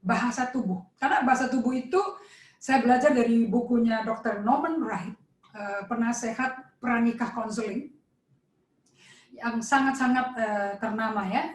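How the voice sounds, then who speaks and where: Lively high-voiced woman pastor preaching. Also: moderate pace. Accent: Indonesian. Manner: lively, acts out dialogue with shifting tones. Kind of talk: sermon. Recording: echoey church hall.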